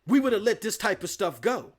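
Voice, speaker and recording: A man's voice: high voice, animated, brisk. A man hosting a live gaming news stream, ranting emphatically with slang and rhetorical questions.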